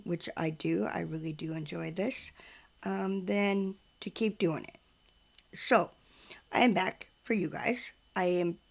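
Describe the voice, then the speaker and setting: A middle-aged woman from California hosting a casual chat show from home, soft-spoken and hesitant, with many ums. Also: on the low side, vocal fry. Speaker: podcast host. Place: home, at a table.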